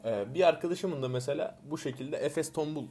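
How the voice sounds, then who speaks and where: A man's voice: fairly high pitch, a little fast, over music. A young man co-hosting a casual chat show, trading easygoing banter. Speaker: podcast co-host.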